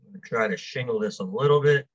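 A man's voice: medium pitch, quick pace, dull audio. A man working as a chef, giving a casual cooking demonstration and explaining as he goes. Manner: relaxed, explains as he works, chatty asides.

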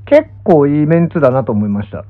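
Fast and very animated, with a voice on the high side, this young Kansai-accented pro gamer chats casually on his stream while lying down in a small indoor room. He muses hesitantly and trails off. Faint music sits in the background, and the audio is muffled and thin, like a phone.

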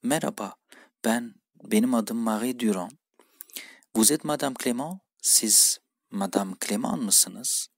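A man's voice: medium pitch, slow, creaky, no room sound, studio quality. A man teaching a language lesson, reading each dialogue line and then translating and explaining it. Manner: reads lines in one language, then translates them. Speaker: French teacher.

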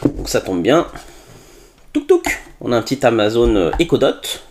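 A man talks through an unboxing in a relaxed, conversational way. He fills the pauses with small interjections and hesitations while handling the product. His voice sits in a middle register over a faint background hiss. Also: mid-range voice. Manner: chatty, with frequent "hop" and hesitations. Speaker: tech reviewer. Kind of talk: casual unboxing review.

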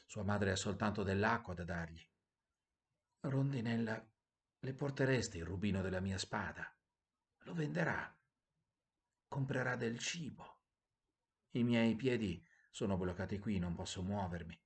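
A man voicing a gentle, grieving prince statue in a storybook, speaking soft and low. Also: animated, measured pace, long pauses. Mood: sorrowful.

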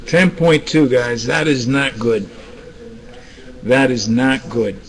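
Man giving halting live trading commentary. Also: mid-range voice, poor audio. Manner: hesitant, restarts, coaxing the screen. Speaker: forex trading room host. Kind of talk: live market commentary to traders. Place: trading room, screen recording.

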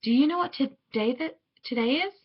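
A woman's voice: sits high, moderate pace, voice pushed up. Woman reading as a kind welcoming stranger. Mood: curious. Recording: dull lo-fi recording.

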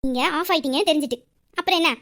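A woman playing a quick, teasing young woman. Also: sits high, fairly bright tone. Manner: coaxing, teasing, quick banter. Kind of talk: romantic audio drama.

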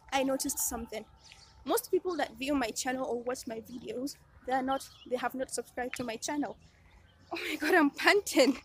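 A woman's voice: on the high side, slight background noise. Chatty young woman vlogger. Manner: chatty and rambling, many restarts and fillers. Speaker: travel vlogger. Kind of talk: casual vlog talk to camera.

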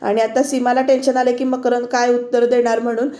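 A woman's voice: fairly high pitch, little pitch movement, fairly quick, mellow, echoey room. A woman reviewer giving a casual recap of a TV serial episode as a voice-over, talking straight to her viewers in a chatty way. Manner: chatty retelling that addresses viewers directly.

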